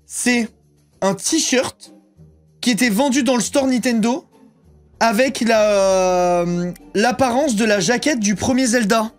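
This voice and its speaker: With an extremely high voice, a man in his thirties takes it slowly while faint music plays behind him. He's a streamer casually showing off purchases, rambling with many fillers, crude slang, and plenty of swearing.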